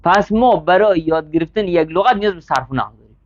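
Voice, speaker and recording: A man's voice: high-pitched, animated. A man teaching a classroom lesson, reading Arabic text line by line, explaining it and checking with his students. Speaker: seminary teacher. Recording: dull lo-fi sound.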